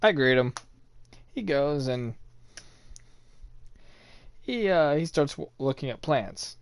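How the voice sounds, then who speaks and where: A man's voice: fairly high pitch, lively intonation, takes it slowly, clear, resonant tone, no room sound. A man hosting a chat show, telling a casual story, swearing freely and laughing at his own jokes. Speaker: host.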